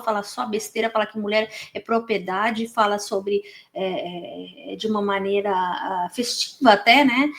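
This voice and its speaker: A Brazilian woman with a Brazilian Portuguese accent, talking in a slightly high voice as she reacts to a podcast clip. She comments in a heated, indignant way, stumbling over restarts and fillers as she goes. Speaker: reaction channel host.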